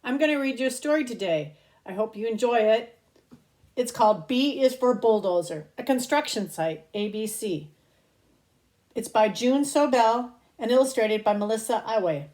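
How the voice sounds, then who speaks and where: A teacher whose voice sits a little high reads a children's picture book aloud. Her delivery is expressive and aimed at kids, with pauses to explain things.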